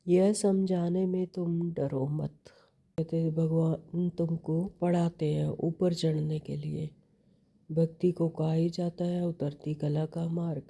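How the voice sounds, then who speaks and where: A woman gives a devotional sermon in a low, dark, mellow voice. She speaks slowly and patiently, repeating key phrases. She poses rhetorical questions as she explains a scripture reading. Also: vocal fry, slightly rough. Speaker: spiritual teacher explaining a daily scripture reading.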